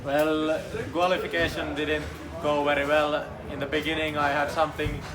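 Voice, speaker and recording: A racing driver gives an informal update to camera in simple English, clearly not his native language. His voice is fairly high and totally flat, at a moderate pace, with crowd noise from the noisy outdoor paddock around him.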